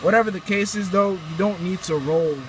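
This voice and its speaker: A young man with a high, brisk voice hosts a car channel, walking through a how-to in a relaxed, rambling manner full of fillers. Vehicle sounds make the background noisy.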